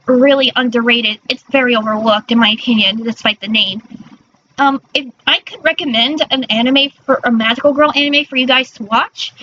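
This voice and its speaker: A woman's voice: sits high, pushed and bright. A woman chatting casually on a livestream in a cute, girlish anime-streamer manner, often stumbling over her words. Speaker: streamer, virtual character persona. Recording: dull lo-fi mic with faint noise.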